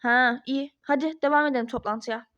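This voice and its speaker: A woman's voice: high-pitched, fairly even intonation, fairly quick, sharp tone, lo-fi sound, voice pushed down. A woman voicing an easygoing male coworker in a toy-game role-play drama. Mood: casual. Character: male coworker, casual and unbothered.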